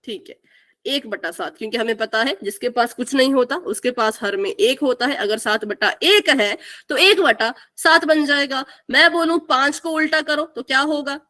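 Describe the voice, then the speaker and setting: A woman's voice: high voice, normal speed, bright, forceful tone. A young woman teaching a live online math class, asking the students questions and repeating the key answers.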